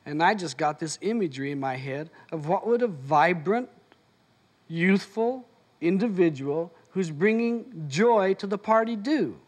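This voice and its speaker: A man's voice: high-pitched, expressive, measured pace. A man leading a motivational seminar, telling stories and acting out both sides of the conversations. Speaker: seminar leader. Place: seminar room before an audience.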